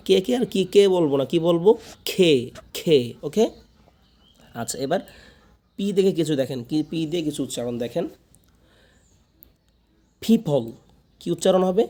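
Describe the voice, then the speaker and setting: A man's voice: fairly high pitch, warm tone. A man teaching beginner English pronunciation, drilling words over and over and quizzing the listener as he goes. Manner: drills words by repetition, asks the viewer questions.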